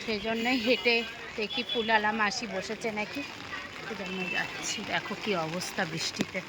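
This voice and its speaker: A woman's voice: medium pitch, steady tone, moderate pace, heavy background noise. A middle-aged woman, talking to her viewers in a casual daily vlog, chatty and full of fillers. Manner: chatty, addresses viewers as friends, frequent fillers. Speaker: vlogger.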